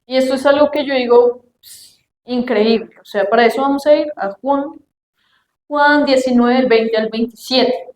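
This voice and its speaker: Young woman, high voice, lively sermon storytelling, echoey room, faint hum behind. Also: normal speed. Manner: lively storytelling, acting out quoted family voices. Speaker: youth preacher.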